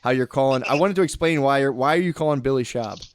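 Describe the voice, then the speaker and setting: A man hosting a podcast in casual chat, talking in halting, restarting phrases. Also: medium pitch, noisy background. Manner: rambling, halting, with frequent restarts. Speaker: podcast host.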